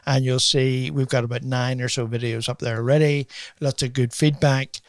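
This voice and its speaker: A man's voice: mid-range voice, level tone, moderate pace, no room sound, studio quality. A man co-hosting a podcast in a conversational radio style. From Ireland or Britain. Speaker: podcast co-host.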